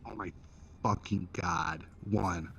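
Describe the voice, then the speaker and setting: A man's voice: low voice, fairly even intonation, slow pace, creaky, muffled recording, a crowd in the background. A man chatting casually as a player in a tabletop game. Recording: faint background noise.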